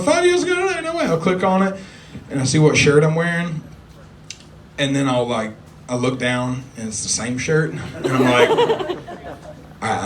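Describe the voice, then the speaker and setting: A man's voice: medium pitch, heavy background noise. A young man doing a self-deprecating stand-up set on a small club stage, acting out voices. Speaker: stand-up comedian. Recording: distant mic, loud crowd laughter.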